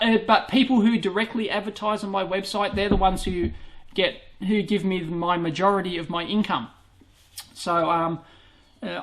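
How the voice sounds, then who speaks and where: A man's voice: high-pitched, fairly bright tone. A young man with an Australian accent, hosting a live question-and-answer stream and chatting casually, with blunt swearing and a rising lift at the ends of his sentences. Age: young adult. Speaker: electronics vlog host.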